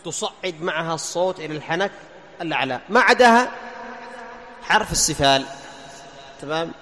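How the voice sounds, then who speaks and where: A man with a high voice teaches the rules of Quran recitation, posing questions and answering them himself. He chants short verses slowly to show each sound. His voice carries a long reverb, with faint noise behind it. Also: sharp tone. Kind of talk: tajweed lesson explaining letter articulation.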